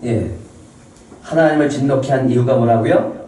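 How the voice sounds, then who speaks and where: A man's voice: mid-range voice, normal speed, warm tone. A man preaching a sermon as pastor, putting questions to the congregation and waiting for their answers. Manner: asks the congregation questions and waits for replies. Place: church sanctuary. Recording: very echoey room, distant mic, faint noise.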